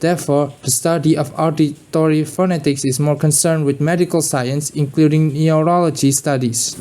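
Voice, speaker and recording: Mellow-voiced young man presenting. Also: on the high side, fairly even intonation, normal speed. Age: young adult. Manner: plain reading, mixing two languages. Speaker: student presenter. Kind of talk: reading a class presentation.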